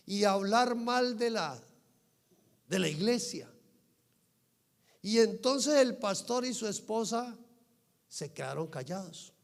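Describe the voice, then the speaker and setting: A man preaching a sermon as pastor in a church, moving from soft quiet talk to loud fervent preaching. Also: high-pitched, creaky. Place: church sanctuary. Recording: long hall reverb.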